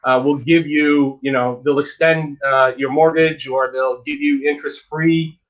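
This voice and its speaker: A man's voice: on the high side, fairly even intonation, measured pace, highs cut off. A dentist giving frank, emphatic advice in a casual interview, often repeating words as he talks.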